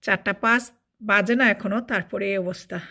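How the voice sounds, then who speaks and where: A woman's voice: mid-range voice, steady tone, a little fast, sharp tone. A woman vlogging from her home, filming out a window with a phone and talking in a chatty way that repeats itself and mixes in English words. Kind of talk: casual vlog narration.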